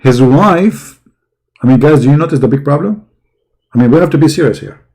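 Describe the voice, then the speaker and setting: A man's voice: fairly high pitch, animated, a little fast, darkish tone, slightly rough. A man giving sarcastic, mocking religious commentary, saying he is losing his voice.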